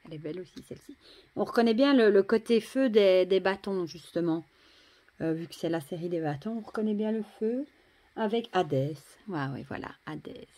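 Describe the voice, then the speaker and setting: A French woman casually showing and admiring tarot cards, chatty, often dropping to a soft murmur. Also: mid-range voice, lively intonation, fairly quick. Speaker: tarot deck reviewer. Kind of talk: casual show-and-tell.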